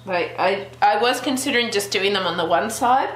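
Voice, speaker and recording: A woman hosting a relaxed real-time colouring tutorial, chatting and thinking aloud with trailing restarts as she works. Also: mid-range voice, normal speed. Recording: roomy echo with faint background music.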